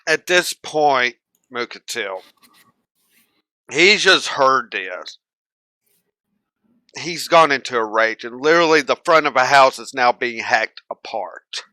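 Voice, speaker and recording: A man runs a tabletop role-playing session as game master, telling the scene slowly and with plenty of hesitant fillers. His voice is bright and sits close and dry on the mic. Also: mid-range voice, animated, dry recording. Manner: slow, hesitant narration with fillers.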